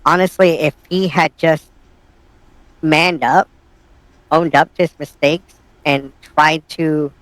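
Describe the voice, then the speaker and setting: An anonymous man speaks through a voice changer that alters his voice, which sits a little high. He talks bluntly and rambles, restarting his sentences often. The sound is dry and close. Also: no room sound, low-quality recording. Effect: voice changer disguising his voice. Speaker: anonymous interviewee. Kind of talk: casual audio interview.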